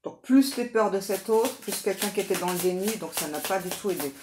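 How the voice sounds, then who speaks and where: A woman giving a casual, improvised tarot reading straight to the listener, halting and repetitive, often adding little tag words for agreement. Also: medium pitch, expressive. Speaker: tarot card reader hosting a guidance channel. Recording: echoey room with faint background noise.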